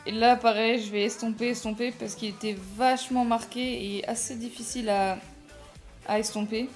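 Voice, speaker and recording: A young woman narrates her makeup tutorial in a casual, rambling way, laughing at herself and stumbling over her words. Her voice sits a little high. Soft music runs quietly underneath. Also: steady tone, normal speed. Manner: chatty, self-deprecating, many fillers and restarts. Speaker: makeup vlogger.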